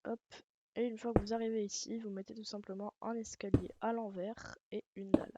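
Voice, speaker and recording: This gaming channel host speaks quickly in an even, mid-range voice, her Alsatian French accent faint. She wanders casually through a game tutorial full of swearing and self-deprecating humor, with heavy noise behind her.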